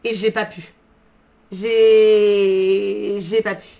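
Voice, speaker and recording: A woman's voice: mid-range voice, level tone, extremely slow, gravelly, dark tone. A woman streaming live, chatting casually about books, answering her chat and swearing freely in slang. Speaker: book streamer.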